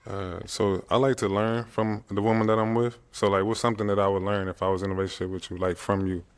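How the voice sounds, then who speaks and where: Deep-voiced, fast-talking polite man. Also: level tone, smooth. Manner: polite, apologetic. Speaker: dating show contestant. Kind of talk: casual dating show chat.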